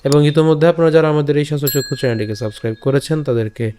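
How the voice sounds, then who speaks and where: A man leading a step-by-step pronunciation lesson, patiently repeating each syllable and chanting the verse lines slowly. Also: fairly high pitch, warm tone, slight background noise. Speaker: scripture pronunciation teacher.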